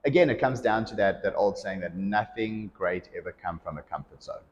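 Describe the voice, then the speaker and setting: Man, low voice, casual coaching chat, projects his voice, echoey room. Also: animated, brisk, a little hiss or hum. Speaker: CrossFit coach. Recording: lo-fi audio in reverberant room.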